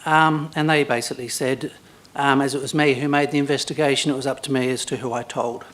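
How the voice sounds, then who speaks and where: A man's voice: medium pitch, fairly even intonation, quick pace, fairly bright tone. A man, a ratepayer, putting probing, persistent questions to a council meeting. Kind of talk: public question time.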